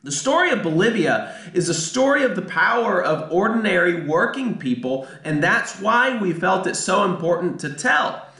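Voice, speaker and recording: A man's voice: high-pitched, very animated, moderate pace, few pauses, sharp tone, reverberant. A man hosting a radio show, reading a scripted intro in a voice worn by a cold. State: sick voice from a cold.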